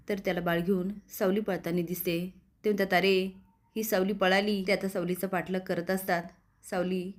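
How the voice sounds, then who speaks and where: A woman recapping a TV serial episode, quoting the characters' lines as she narrates. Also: on the low side. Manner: retells scenes, quoting each character's lines in turn. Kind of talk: storytelling recap with acted dialogue.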